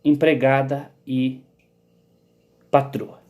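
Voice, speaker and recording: A man's voice: mid-range voice, level tone, very slow, a little mellow. A man giving a rambling philosophical monologue about his own theory. He digresses, repeats words and keeps checking "entendeu?".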